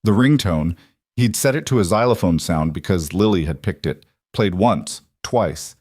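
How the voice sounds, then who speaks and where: A man reading a scripted story in a calm, measured, soft-spoken way. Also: low voice, no echo, clean studio sound.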